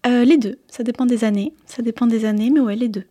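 A young woman novelist from Vietnam, a guest in a casual radio interview, answering hesitantly with many fillers and soft laughs. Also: fairly high pitch, fairly even intonation, brisk, no echo.

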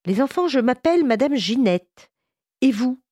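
A woman storyteller voicing a kind, gentle middle-aged housewife who speaks softly and coaxingly. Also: sits high, expressive, normal speed, dry recording, studio quality, pitched above the performer's own voice.

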